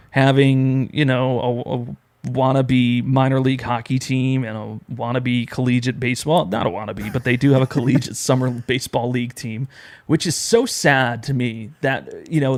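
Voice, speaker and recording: Chatty upstate New York podcast co-host. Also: male voice, mid-range voice. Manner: animated storyteller, rambling with restarts. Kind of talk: casual chat.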